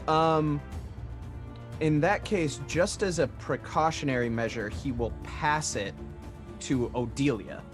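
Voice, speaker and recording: A man's voice: a little high, slow pace. A man playing a tabletop game, chatting casually and hesitantly as he thinks his moves through aloud. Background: music.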